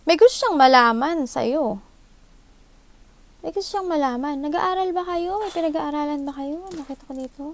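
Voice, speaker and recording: Filipino-accented woman, tarot reader, high voice, gravelly fry, thinking aloud, short tag questions. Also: moderate pace, slight background noise. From Philippines. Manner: thinks aloud, mixes English into Tagalog, asks for agreement with short tag questions. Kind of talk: live tarot card reading. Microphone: own microphone.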